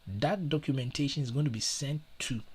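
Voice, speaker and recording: Earnest husky man giving live advice. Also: mid-range voice, brisk. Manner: earnest, repetitive, many fillers and restarts. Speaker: livestream host. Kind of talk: casual live-stream advice talk.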